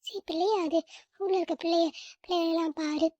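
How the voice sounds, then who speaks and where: A woman's voice: very high voice, fairly even intonation, brisk, a little mellow, dry recording, studio quality. A woman voicing a bitter old grandmother in a family skit, harsh and nagging, scolding her grandchild with contempt. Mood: scornful.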